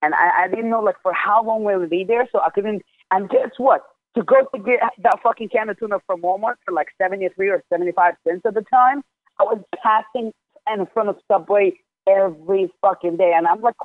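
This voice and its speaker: A man's voice: sits high, fairly quick, no room sound. A man in his twenties from Jordan, a guest in a casual interview, telling his story candidly and emphatically, with frequent swearing. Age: 20s. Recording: tinny phone line.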